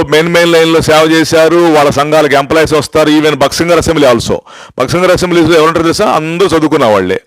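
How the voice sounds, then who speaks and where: An older male pastor speaks with a slightly high pitch. He tells stories in an emphatic sermon style and keeps asking his listeners rhetorical questions. He slips English phrases in to drive his points home, and the sound is dry and close with no room echo. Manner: storytelling with repeated rhetorical questions.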